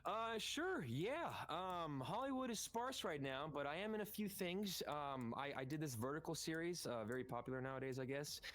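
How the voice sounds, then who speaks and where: A young man, a guest voice actor, answering questions in a relaxed, rambling way with many fillers on a livestream. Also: on the high side, normal speed, few pauses. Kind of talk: casual livestream interview.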